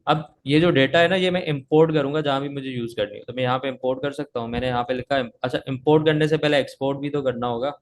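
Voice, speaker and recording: Hoarse coding teacher on a call. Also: male voice, mid-range voice, fairly even intonation, quick pace, hardly any pauses, a little hiss or hum. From Pakistan. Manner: talks while typing, frequent "theek hai" checks. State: sore throat, coughing. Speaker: coding instructor. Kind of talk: live coding lesson on a video call. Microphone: video call.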